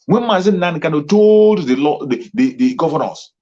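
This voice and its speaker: A man's voice: fairly high pitch, expressive, normal speed, warm tone. A man gives an impassioned political monologue, rallying and repeating himself for emphasis. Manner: fervent, repetitive, rallying tone. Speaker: political commentator. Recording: muffled lo-fi recording.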